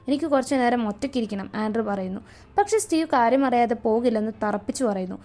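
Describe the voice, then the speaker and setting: A woman tells a film's plot as a recap narrator, moving along quickly. Her voice sits fairly high, and she keeps a brisk, plain storytelling manner. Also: a little mellow. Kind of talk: fast scripted movie recap narration.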